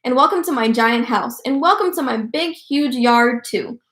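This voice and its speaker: A woman's voice: a little high, normal speed, fairly bright tone, close to an everyday voice. A woman voicing a spoiled, bragging rich little girl who talks in a boastful, bouncy way, read aloud from a storybook. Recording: roomy echo.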